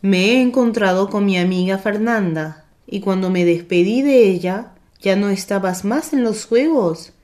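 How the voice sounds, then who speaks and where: A woman's voice: medium pitch, unhurried, hardly any pauses, a little mellow, lightly acted. A woman voicing a loving older grandmother in a storybook reading, who talks in a worried, breathless way. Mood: frightened. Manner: breathless and worried, then tender. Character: older grandmother, affectionate and fretful. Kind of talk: storybook narration.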